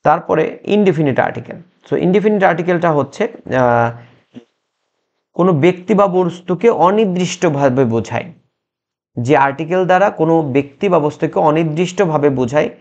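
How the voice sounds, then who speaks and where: A man teaching English grammar in a recorded lesson, explaining slowly and patiently with frequent restarts and fillers. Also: on the high side. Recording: muffled lo-fi sound.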